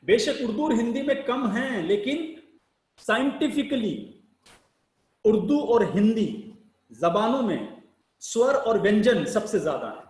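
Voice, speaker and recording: A man teaching public speaking in a slow, deliberate lecture, asking rhetorical questions and spelling out sounds one by one. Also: extremely high pitch, sing-song, a little mellow, roomy sound, rough recording. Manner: rhetorical questions, emphatic rises and sinking ends.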